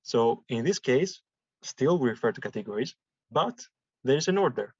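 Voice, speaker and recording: A man's voice: medium pitch, animated, darkish tone, husky, no echo. A man from Greece, giving a classroom statistics lecture and explaining step by step with examples. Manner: explains slowly with examples and repetition. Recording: dull dry lecture recording.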